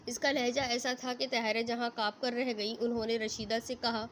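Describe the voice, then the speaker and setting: A woman's voice: on the high side, little pitch movement, a bit bright, slight background noise. A woman narrating a novel aloud in a dramatic reading.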